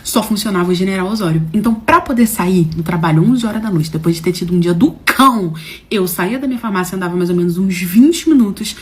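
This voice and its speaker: A woman telling a personal story to her viewers, animated and dramatic, with slangy phrasing and swings between loud and soft. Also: mid-range voice, fast talker. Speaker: storyteller host. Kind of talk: casual storytelling to camera.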